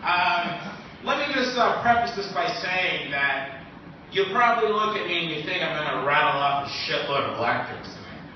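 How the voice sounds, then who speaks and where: A young man from Maine talks through a nervous first stand-up set, rambling, restarting and filling gaps with "like". His voice sits high and swoops widely, heard from a distance in a very echoey room. The lo-fi recording has steady hiss underneath. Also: moderate pace. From Maine, USA. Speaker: stand-up comedian. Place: small comedy club stage. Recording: echoey club audio, lo-fi, from afar.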